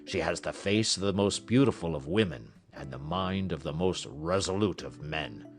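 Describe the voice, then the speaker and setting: A man voicing an anxious, proud king in a grave, formal, deliberate manner, in an audiobook story. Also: low-pitched, animated, soft background music, pitched below the performer's own voice. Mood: grave, insistent.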